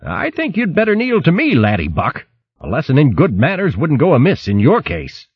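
A scrappy old boxing hare with a bluff, salty way of talking, as a man puts him on. His voice jumps up high and lively. The sound is a little dull and lo-fi. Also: moderate pace, slightly rough, no echo, heavily acted. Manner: bluff, salty, sailor-like speech.

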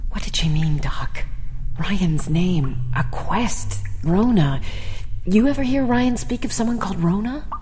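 A woman as a slow, mellow, wary survivor. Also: mid-range voice, lively intonation, a little hiss or hum, close to an everyday voice. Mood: hushed, troubled. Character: tough, plain-spoken woman survivor, wary and curious. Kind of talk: dramatized audiobook acting. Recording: long reverb, faint music underneath.

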